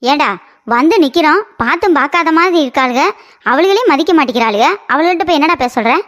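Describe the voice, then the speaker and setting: A quarrelsome middle-aged mother who scolds and taunts, as a woman voices her for a comic cartoon story. Her voice sits high and shrill. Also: lively intonation, fast talker, a bit bright.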